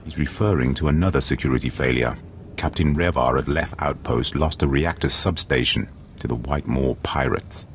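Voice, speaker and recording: An actor playing a formal, dignified alien military strategist in a video game, speaking in a measured, precise way. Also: male voice, rumbling low, slight background noise. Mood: formal, composed.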